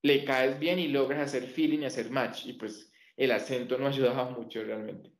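A man from Colombia with a neutral Colombian accent, talking as an interview guest and telling animated stories with many restarts. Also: medium pitch, normal speed, reverberant. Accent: neutral Colombian Spanish. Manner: animated storyteller with many repeated words and restarts. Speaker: interview guest, teacher trainer. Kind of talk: casual interview chat.

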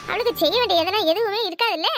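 A woman with a southern Tamil Nadu accent voicing a spiteful, scheming mother-in-law who taunts and scolds at a rapid clip. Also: extremely high pitch, background noise. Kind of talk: cartoon voice acting.

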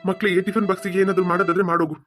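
A woman voicing a gentle, patient father in a cartoon who calms his family. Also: lowish voice, slight background noise, natural voice. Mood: soothing. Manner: soothing, quick talker. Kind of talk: cartoon voice acting.

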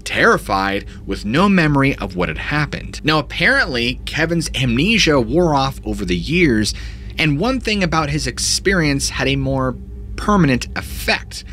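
Narrating eerie paranormal stories from a script, a host in his thirties works from a small home studio with a studio mic in front of him. His mid-range voice is bright and forceful, very animated at a moderate pace, rising and dipping dramatically, with slight background noise.

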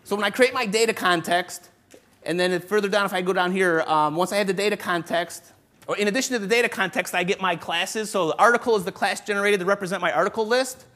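Brisk, joking man giving a live tech lecture. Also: high-pitched, pushed and bright. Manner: brisk, joking, conversational, thinks aloud with restarts. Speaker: conference presenter teaching developers. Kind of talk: live technical lecture with demo. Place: conference room with live audience.

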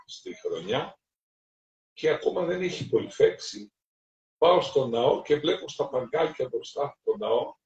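A middle-aged Greek man, a priest, telling stories to an audience and acting out the dialogue in them. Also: mid-range voice. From Greece. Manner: lively anecdotal storytelling, acting out dialogue. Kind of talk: storytelling sermon talk. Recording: roomy, distant, dull lo-fi recording.

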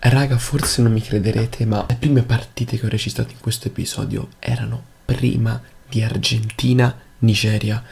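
A man giving gameplay commentary, keeping his voice low late at night and breaking into exasperated outbursts and muttered swearing. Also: creaky. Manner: talks quietly late at night. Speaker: gaming YouTuber.

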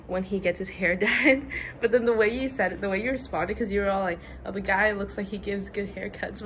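A woman's voice: medium pitch, a bit bright. A young woman hosting a casual vlog, playful and teasing, laughing often with friends. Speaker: vlog host. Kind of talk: casual chat. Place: busy eatery. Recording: noisy background ambience.

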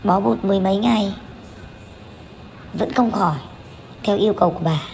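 A vlogger in her thirties narrates a family vlog as voice-over in a mid-range, somewhat mellow voice with vocal fry, speaking fairly quickly over a slight hiss or hum. She's candid and chatty, with lots of fillers, restarts, and self-corrections.

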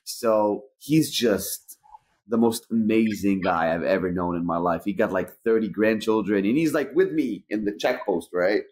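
A man's voice: fairly low pitch, normal speed. A man in his thirties from Israel with an Israeli accent, a stand-up comedian telling stories in casual chat over a video call, acting out quoted lines. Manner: animated, acts out quoted dialogue. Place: indoor room, video call. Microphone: webcam on video call.

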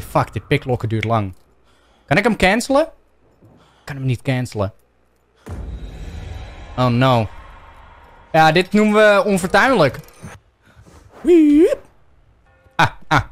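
A young man with a Dutch accent giving excitable gameplay commentary, shouting and yelping playfully as he plays. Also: a little slow, pauses often. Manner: shouty, playful, bursts into silly high yelps. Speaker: gaming YouTuber.

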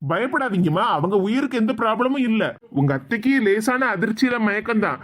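A voice actor playing a calm hospital doctor in a cartoon, speaking with a Kanyakumari Tamil accent and a soothing, explaining manner. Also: mid-range voice, a little fast, natural voice. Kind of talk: animated cartoon comedy dialogue. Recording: hissy home recording.

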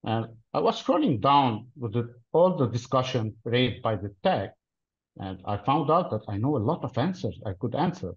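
Husky and mid-range, with big swings in pitch, a Lebanese man in his thirties answers interview questions as a cloud solutions architect. He explains things deliberately, pausing frequently, over a webcam on a video call from a plain-walled indoor room, and the audio is dull and lo-fi.

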